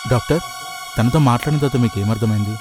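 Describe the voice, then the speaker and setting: A man's voice: medium pitch, racing, music in the background, lightly acted. An actor playing a young husband who speaks earnestly and respectfully to his boss. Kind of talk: film dialogue.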